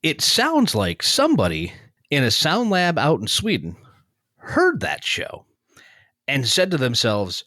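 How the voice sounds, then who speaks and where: A man's voice: on the high side, wildly swooping pitch, a little slow, sharp tone, no echo, studio quality. A man co-hosting a music podcast, talking casually and reviewing chart songs with wry, sarcastic asides.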